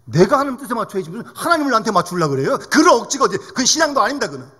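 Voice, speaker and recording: A male pastor delivers a sermon with a high, animated voice that rises and falls a lot. He talks to the congregation in a conversational way and keeps asking them questions. The long reverb of a church hall hangs behind him. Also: very fast, husky. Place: church sanctuary.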